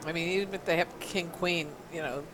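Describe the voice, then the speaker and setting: A man's voice: on the high side, fairly even intonation, brisk, noisy background. A man commentating live poker from a booth, talking through the players' decisions in an analytical way, often adding "you know".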